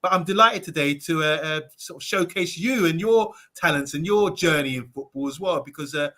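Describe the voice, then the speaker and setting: A man's voice: fairly high pitch, normal speed, sharp tone. A man hosting a football interview channel, introducing his guest in a hesitant way with frequent fillers. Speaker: host.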